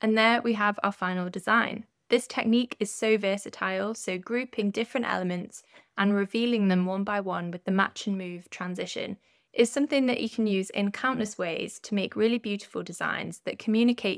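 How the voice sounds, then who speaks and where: A woman calmly talking through a design tutorial step by step in a scripted voice-over. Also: mid-range voice, fairly quick, no echo, clean studio sound. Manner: calm, clear step-by-step instructions.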